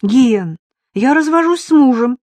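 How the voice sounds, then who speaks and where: A woman's voice: high voice, animated, unhurried, a little mellow, dry recording, pitched above the performer's own voice. A woman reading a tearful young woman. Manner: emotional, on the verge of tears. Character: tearful young woman leaving her husband.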